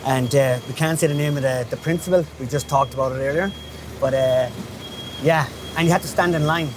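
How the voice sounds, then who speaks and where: A man's voice: mid-range voice, fairly quick. A man in his fifties with a Galway, west of Ireland accent, reminiscing casually and chattily in a colloquial way as an interviewee. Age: 50s. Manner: chatty, colloquial, often checking in with "you know". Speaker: interviewee, local window cleaner. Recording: noisy street ambience with traffic.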